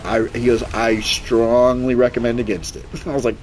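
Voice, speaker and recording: A man in his forties with an average-pitched voice chats loosely as he streams a game. He rambles from story to story in an informal, blunt way, quoting people as he goes. There is noticeable background noise behind him. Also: normal speed, poor audio. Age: 40s. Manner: rambling, animated retelling with quoted dialogue and swearing. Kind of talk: casual chat while playing a video game.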